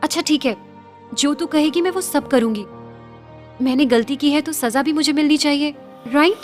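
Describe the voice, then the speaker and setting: A woman voicing a stubborn young college woman who speaks in a soft, pleading, hushed way. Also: high voice, moderate pace, soft background music, close to an everyday voice.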